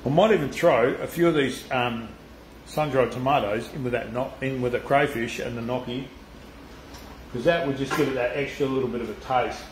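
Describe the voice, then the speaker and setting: A man's voice: mid-range voice, normal speed, a little hiss or hum. An Australian man hosting a casual live cooking stream, chatting loosely to viewers, swearing freely and laughing often, in a home kitchen. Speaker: cooking channel host. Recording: echoey room.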